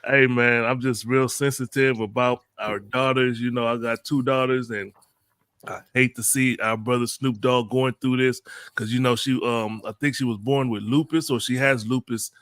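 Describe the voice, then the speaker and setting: A man co-hosting a casual panel talk show who speaks earnestly and haltingly, with lots of fillers. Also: mid-range voice, steady tone, a bit bright, dry recording. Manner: earnest, halting, fills with "you know" and "um". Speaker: panel co-host.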